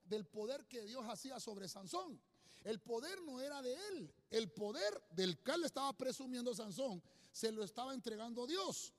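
Male preacher, higher voice, keeps saying brother, joking asides, long hall reverb. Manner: calls listeners "brother" nearly every sentence; jokey asides, repeats words while thinking. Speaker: preacher teaching a Bible study. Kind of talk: sermon-style Bible teaching at a whiteboard.

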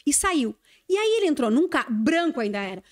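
A woman's voice: high-pitched, fairly quick. A woman, a TV journalist telling a story in a casual podcast chat and acting out the dialogue. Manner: animated storyteller who acts out quoted dialogue.

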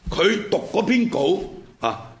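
A man's voice: high-pitched, big pitch swings, takes it slowly. A man with a Hong Kong Cantonese accent hosts an unscripted political commentary, speaking in blunt colloquial language and punctuating points with rhetorical check-in questions. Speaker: commentary show host.

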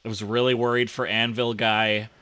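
A man co-hosting a casual chat, talking slowly and haltingly with lots of fillers as he reviews a TV episode. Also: on the low side, little pitch movement, pushed and bright, clean tone, no echo. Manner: slow, hesitant, many fillers. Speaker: podcast co-host.

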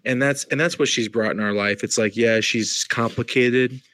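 Animated man in casual chat. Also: mid-range voice, moderate pace, dry recording. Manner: animated storytelling, acts out exasperated exclamations. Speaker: podcast co-host, nurse. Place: home, dog nearby.

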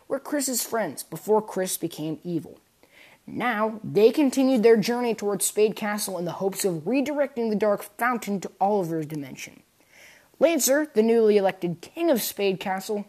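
A woman narrating a fan fiction adventure aloud in an expressive storytelling manner. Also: mid-range voice. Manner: expressive storytelling, voicing characters.

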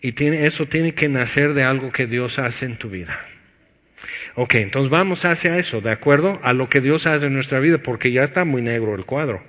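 Preacher in a reverberant hall. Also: male voice, normal speed. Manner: swings between loud urging and hushed, low-voiced emphasis. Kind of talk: sermon. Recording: dull sound with long hall reverb.

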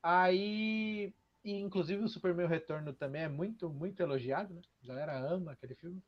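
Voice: medium pitch, brisk, dull audio. A speaker with a Brazilian Portuguese accent in a casual chat about movies, joking sarcastically with exclamatory asides.

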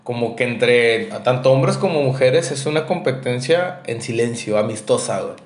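A man's voice: medium pitch, animated, normal speed, echoey room, a little hiss or hum. A man from Nuevo León with a northern Mexican accent, co-hosting a podcast in rambling, slangy casual chat. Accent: northern Mexican (Monterrey). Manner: rambling, slangy, asks questions. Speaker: podcast co-host.

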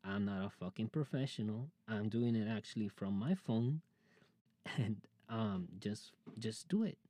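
On his own podcast, a man in his late twenties rambles through a candid, casual monologue about his life, full of fillers and restarts. He has a fairly low, warm voice with lively intonation and a measured pace, captured in a dry, studio-quality recording.

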